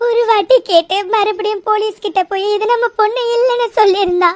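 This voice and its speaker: A woman's voice: extremely high pitch, moderate pace, no echo. A woman voicing cartoon women, one hurt and one a grieving mother, in tearful, pleading tones. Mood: lamenting. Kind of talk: cartoon voice acting.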